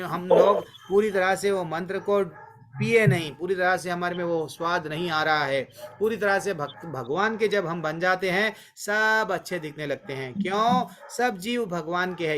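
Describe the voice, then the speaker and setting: Male devotional teacher on a video call, lively and a bit high, faint hiss behind. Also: normal speed. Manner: chanting, animated, asks rhetorical questions. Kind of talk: spiritual lesson on a video call.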